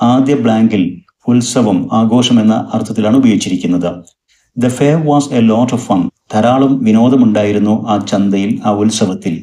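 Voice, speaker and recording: A man with a mellow voice and a Malayali accent teaches an English lesson. He reads each phrase slowly and then explains it. His voice sounds roomy and echoey. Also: fairly low pitch. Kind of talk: recorded classroom lesson.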